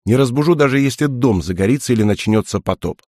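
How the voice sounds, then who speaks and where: A man voicing a stubborn, sharp-tongued young woman in an audiobook, sarcastic and uneasy by turns. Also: medium pitch, lively intonation, fast, no echo, studio quality, lightly acted. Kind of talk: audiobook dialogue.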